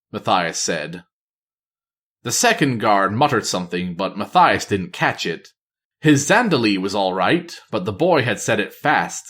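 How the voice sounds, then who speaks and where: A man reading a novel aloud as a storyteller, narrating in a lively, expressive way. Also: mid-range voice.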